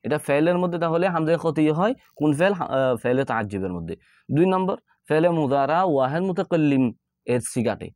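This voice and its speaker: A man teaching an Arabic grammar lesson, explaining step by step and repeating his points with frequent pauses. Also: on the high side, expressive, darkish tone, dry recording, clean studio sound. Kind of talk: classroom-style grammar lesson.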